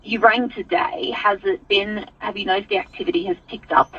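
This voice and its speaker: A woman answering calls for a hotline, asking halting, hesitant questions. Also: mid-range voice, steady tone, breathy edge. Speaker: hotline operator. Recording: dull lo-fi phone line.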